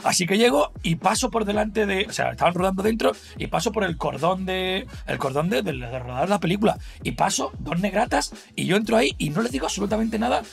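High, gravelly Spanish man rambling animatedly. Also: brisk, few pauses. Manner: rambling, animated, full of fillers and laughter. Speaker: guest telling an anecdote. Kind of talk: casual podcast storytelling.

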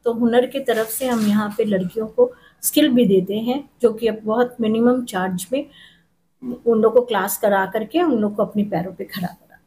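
A middle-aged woman salon owner answering interview questions in a salon, pausing often with fillers. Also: fairly high pitch, mellow, slight background noise. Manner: hesitant, with many pauses and fillers. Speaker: salon owner and makeup artist. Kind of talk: on-camera interview. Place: indoor salon with tiled walls. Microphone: handheld reporter mic.

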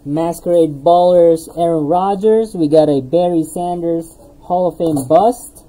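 In a low-quality recording, a woman with a warm voice on the low side speaks at a measured pace. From an indoor desk full of card boxes, she streams a live card break, naming players as packs open, laughing at herself and losing her voice.

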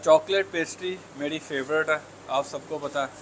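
Wearing a lapel mic in a bustling bakery, this young man from Pakistan walks viewers through the shop for his casual food vlog in a Lahori Urdu accent. He sounds a little high at a normal speed, chatty and eager with frequent "yaar"s, and the low-quality audio has crowd noise and traffic behind him.

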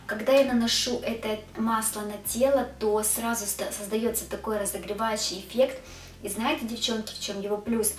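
A woman reviewing body care products to camera in a chatty way, talking to her viewers as girls. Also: a little high. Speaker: beauty vlogger. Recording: echoey room, distant mic.

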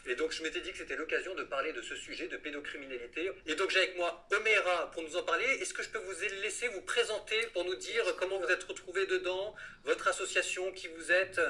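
Bright-voiced priest hosting an interview. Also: male voice, high voice, a little fast, few pauses. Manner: engaged, conversational, asks direct questions. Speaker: priest and host. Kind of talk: interviewing a guest.

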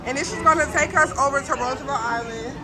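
A woman's voice: high voice, fast, over a noisy crowd. A woman in her thirties vlogging around a city on a handheld phone camera, chatting casually to viewers and calling them y'all. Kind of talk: casual vlog narration. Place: city streets, cafes and restaurants. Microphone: phone camera at arm's length.

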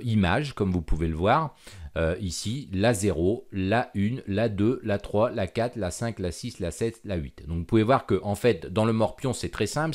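Male instructor, lowish voice, casual hesitant screen-tutorial narration, lots of fillers. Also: a little mellow. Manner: hesitant, many fillers and restarts. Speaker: programming instructor. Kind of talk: screen-recorded software tutorial.

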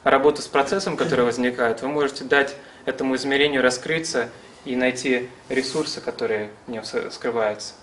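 This thirties-aged man speaks in a mid-range, fairly bright voice, keeping a steady tone at a fairly quick clip. He's delivering a casual seminar talk and taking questions indoors in a small classroom-style room, pausing now and then to search for words. The audio comes from a camera mic some metres off, carrying a faint hum of the room.

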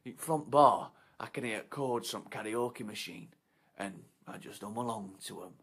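An actor playing a foul-mouthed, menacing man obsessed with his disco night, swinging from hushed whispers to shouts. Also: on the low side, expressive, unhurried, vocal fry, slightly rough, full character voice. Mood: scornful. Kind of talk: short film monologue.

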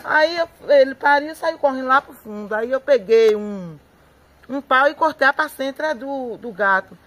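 A woman speaks outdoors into a handheld microphone, her voice sitting a little high. She recounts events in an excited, tumbling way, circling back and repeating words. She often quotes herself and her family as she goes. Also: normal speed. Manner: breathless, repetitive storytelling with acted-out quotes. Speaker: interviewee, local resident. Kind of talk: excited eyewitness account. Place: outdoors at a home yard.

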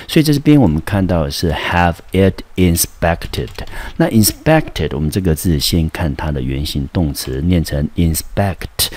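A man teaching English vocabulary and grammar in a recorded lesson, explaining slowly and carefully with frequent rhetorical questions, in Taiwanese Mandarin. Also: rumbling low, darkish tone. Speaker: high school English teacher.

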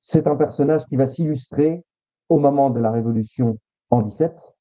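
A man, a guest author, telling history stories in a halting way, often restarting his phrases and teasing suspense. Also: mid-range voice, mellow, no room sound, muffled recording. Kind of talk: storytelling history chat.

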